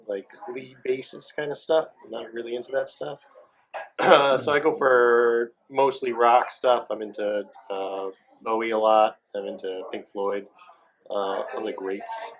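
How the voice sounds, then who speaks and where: A man from Rhode Island, the band's bassist, answering interview questions in a laid-back, hesitant, wry way. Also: fairly even intonation, a little slow, noisy background.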